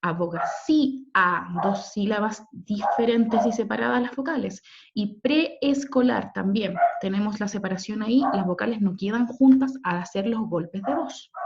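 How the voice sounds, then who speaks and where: A woman teacher walks her students through a recorded grammar lesson, patiently spelling out letters and syllables and checking that they follow. Her voice sits fairly high, and the recording sounds dull and lo-fi. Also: creaky, noisy background. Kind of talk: recorded online grammar lesson over slides.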